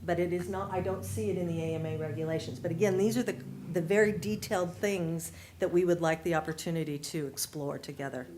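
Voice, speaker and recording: Woman staff member, lowish voice, careful explanation, faint room hum behind. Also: fast, few pauses, darkish tone. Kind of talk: answering a question at a meeting.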